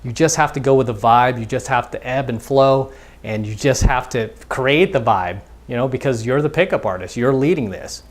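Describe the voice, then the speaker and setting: This dating instructor is a man speaking at normal speed in a medium-pitched voice. In his casual instructional monologue, he goes over his points repeatedly and acts out short pieces of dialogue.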